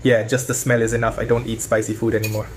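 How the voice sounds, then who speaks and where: A man's voice: on the low side, level tone, quick pace, background noise. A man vlogging casually, commenting on food and family for his viewers. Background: music, clinking dishes.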